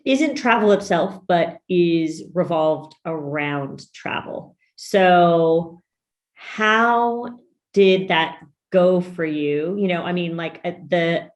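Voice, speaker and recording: A woman's voice: lowish voice, slow. A woman hosting a business podcast interview, upbeat and emphatic, now and then saying "y'all". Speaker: podcast host and business coach.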